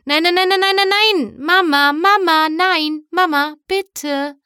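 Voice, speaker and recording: A woman voicing an excitable, giggly young seapony princess in a storybook. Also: sits high, a little slow, no room sound, studio quality, voice pushed up, exaggerated voice. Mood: pleading. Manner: giggly, bubbly, squealing.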